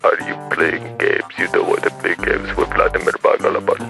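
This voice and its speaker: A man playing a menacing mobster who phones in, speaking in a deadpan, threatening way. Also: low-pitched, normal speed, creaky, music in the background. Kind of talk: comedy sketch, prank call bit.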